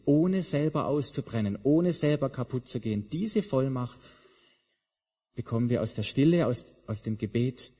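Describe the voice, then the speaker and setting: Husky-voiced preacher in a reverberant hall. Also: male voice, mid-range voice, mellow. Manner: emphatic preaching, voice rising and dropping with repeated phrases. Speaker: pastor. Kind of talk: sermon.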